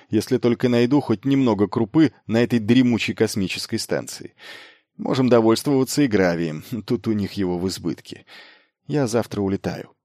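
A man reading an audiobook voices a young male mercenary lord who talks briskly, commanding and ironic. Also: mid-range voice, darkish tone, no room sound, clean studio sound, lightly acted. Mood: light, then grim. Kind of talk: audiobook character voice.

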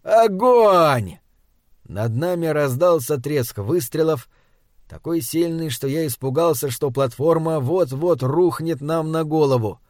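Man reading a dark audiobook. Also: fairly high pitch, no room sound, studio quality. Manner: measured, dramatic reading. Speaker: narrator. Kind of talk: audiobook narration.

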